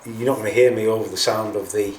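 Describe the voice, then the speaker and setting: Male hobby tutorial host, lowish pitch, informal and hesitant, picked up from a distance with faint noise. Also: steady tone, fast, darkish tone, reverberant. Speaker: host of a scale model painting tutorial. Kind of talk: casual hands-on tutorial talk.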